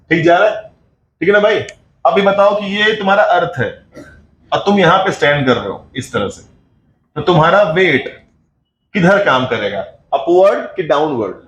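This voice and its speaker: A man teaching a physics class, asking his students questions and answering them himself, mixing in English terms. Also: a little high. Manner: mixes Hindi with English terms. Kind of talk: classroom lecture. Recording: echoey room with faint background noise.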